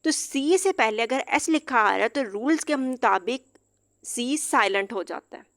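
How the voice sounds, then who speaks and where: An English teacher with a slightly high, fairly bright voice explains patiently and animatedly, saying each example word slowly and carefully. The recording is dry and close, with hardly any room sound.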